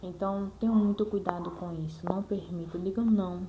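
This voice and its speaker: This is a casual personal vlog from a Brazilian mother who speaks earnestly, repeats herself, and keeps checking in with viewers. She talks a little fast in a fairly low, steady voice against a noisy background.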